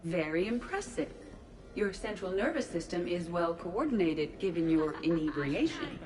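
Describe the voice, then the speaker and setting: A poised female artificial intelligence from a video game. Her formal, exact phrasing moves with a lively melody in a lowish register. She is polite with a dry, teasing edge, over clear music. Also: moderate pace. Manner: formal, precise phrasing, deadpan.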